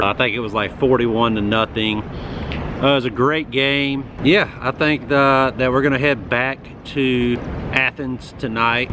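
A man's voice: medium pitch, noisy background. Casual man vlogging on a phone. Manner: upbeat, rambling fan chatter with fillers. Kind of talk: casual travel vlog. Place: outdoors on city streets and in a car. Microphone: phone camera at arm's length.

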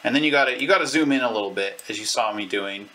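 A thirtysomething man hosting a YouTube tutorial gives a casual how-to explanation, pausing and resuming informally as he demonstrates. His mid-range voice is fast, pushed and bright. The low-quality recording from a clip-on lavalier or camera mic carries a little hiss or hum.

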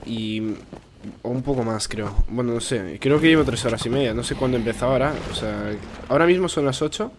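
A man's voice: mid-range voice, a little fast, a little hiss or hum. A man with a Spain Spanish accent giving casual, rambling gameplay commentary, swearing freely as he talks. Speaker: gaming YouTuber.

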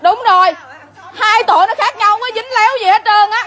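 A woman's voice: very high voice, steady tone, brisk, very noisy. A woman scolding a neighbor in a heated outdoor argument, repeating and cursing. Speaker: neighbor in a quarrel.

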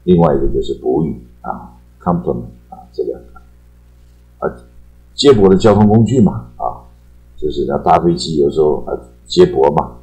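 A man with a deep, low voice explains English words in a relaxed, conversational teaching style. He repeats key terms and tags his phrases with a drawn-out particle. Faint instrumental music plays softly behind him. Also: rough recording. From Taiwan. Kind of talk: casual explanatory lecture.

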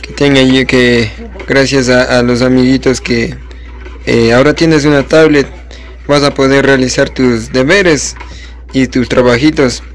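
A man's voice: mid-range voice, steady tone, measured pace. A man talking casually and encouragingly to a child, in an affectionate manner. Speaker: aid campaign presenter interviewing a child.

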